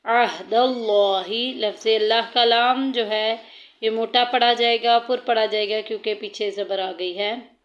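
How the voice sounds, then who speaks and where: A woman teaching tajweed, patiently explaining each rule step by step between slow recited verses. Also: a little high, flat delivery, a bit bright, dull audio.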